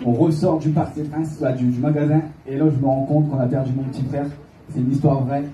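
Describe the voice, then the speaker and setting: A man's voice: medium pitch, flat delivery, fairly quick, mellow, muffled recording. A young man from Calais with a northern French accent, doing a rambling stand-up set in a comedy club. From Calais, northern France. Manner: rambling, hesitant with frequent filler sounds. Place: comedy club stage, heard from the audience. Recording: echoey club audio from a distant mic. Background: audience laughter and room noise.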